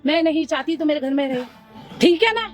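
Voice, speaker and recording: A woman's voice: sits high, expressive, brisk, soft background music. A woman acting a hurt wife who refuses to let her younger sister stay in her home. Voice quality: firm, refusing. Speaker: actor in a short skit. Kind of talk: scripted family drama skit.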